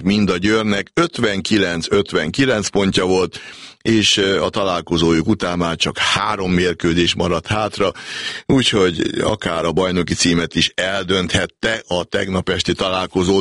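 Casting: man as sports round-up presenter, low-pitched, explanatory delivery, dry studio-like sound. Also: fairly bright tone, no room sound. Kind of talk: football round-up narration, explanatory.

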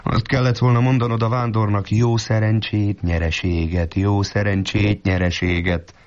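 A man's voice: fairly low pitch, little pitch movement, lightly acted. A man voicing a scolding, impatient old peasant wife in a folk tale. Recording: dull lo-fi recording.

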